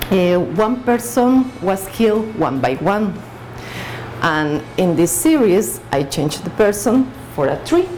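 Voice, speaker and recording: A woman's voice: medium pitch, a little mellow, a little hiss or hum, rough recording. A woman from El Salvador with a Salvadoran Spanish accent, an artist explaining her paintings in her studio, hesitant with frequent fillers and restarts.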